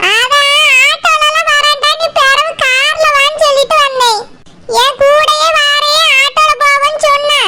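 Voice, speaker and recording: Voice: extremely high pitch, heavy background noise. A performer voicing an older village aunt who lectures her nephew, in a Tirunelveli accent. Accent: Tirunelveli Tamil. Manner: scolding, lecturing.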